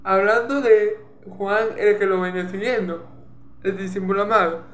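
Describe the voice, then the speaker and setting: A man's voice: high-pitched, steady tone, normal speed, a bit bright. A man from Venezuela with a Maracaibo accent, teaching a Bible passage verse by verse, explaining and repeating phrases and checking in with "ok?". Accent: Maracaibo Venezuelan Spanish. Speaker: preacher. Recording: echoey room with faint ambient noise.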